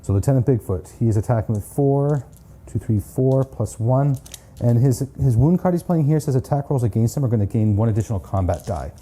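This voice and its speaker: A man's voice: medium pitch, lively intonation, a little fast, dark tone. A man narrating a solo board game campaign, counting dice aloud in a chatty, self-mocking way. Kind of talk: casual play-through narration.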